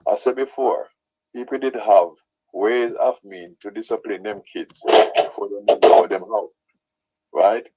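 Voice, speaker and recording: A man's voice: on the low side, steady tone, a little slow, breathy edge. A man calling in to a talk show, heated and insistent, repeatedly pressing "right?" over a lo-fi line.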